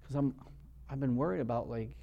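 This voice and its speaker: A man preaching a sermon as pastor, acting out quotes and swinging between quiet storytelling and loud bursts, often repeating words as he restarts. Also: mid-range voice, a little fast, gravelly, muffled recording.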